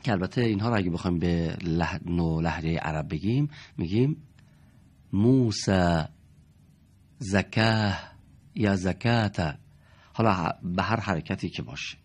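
A man teaching Quran reading to a class, explaining letters and marks and slowly sounding out example words. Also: sits low, breathy edge. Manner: slow, stretched-out demonstration of words. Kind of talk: classroom lesson.

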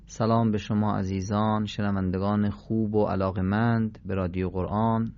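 A man's voice: fairly low pitch, little pitch movement, a little mellow, highs cut off. A man teaching Quran recitation in a radio lesson, patiently demonstrating letter sounds with emphatic repetition.

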